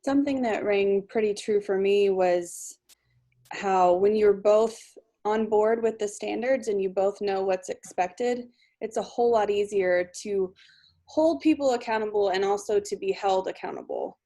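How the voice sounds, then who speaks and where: A woman joins a book club discussion over a video call. She speaks in a steady, reflective way, in a middle pitch. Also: a little slow. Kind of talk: casual chat on a video call.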